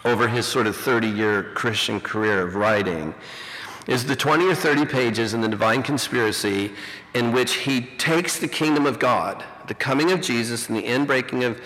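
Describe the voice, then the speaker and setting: This is a conversational, reflective sermon from a middle-aged pastor and teacher who leans heavily on "you know." He talks at an ordinary speed in a mid-range voice with a bit of brightness. Distortion and echo from a reverberant hall blur the recording.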